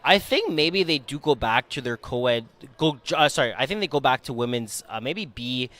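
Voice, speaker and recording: A man's voice: medium pitch, expressive, moderate pace, fairly bright tone. A man giving conversational post-game analysis as a sports commentator in the booth.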